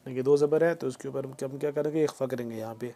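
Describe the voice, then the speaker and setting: Man slowly reciting and explaining tajweed. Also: mid-range voice, fairly even intonation, creaky, dark tone. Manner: recites verses slowly and drawn out, then explains letter rules in quick plain speech. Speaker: Quran recitation teacher. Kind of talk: tajweed lesson, slow word-by-word recitation.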